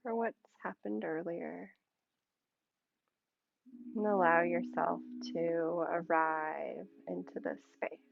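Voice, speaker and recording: Through a muffled recording, a yoga teacher calmly guides listeners in meditation using short phrases and long pauses. Her fairly low voice carries vocal fry.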